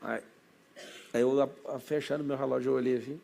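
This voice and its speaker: A man with a Brazilian Portuguese accent, a business mentor telling an excitable story to a group, full of asides. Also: mid-range voice, vocal fry. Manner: excitable, rapid anecdotal delivery with many asides.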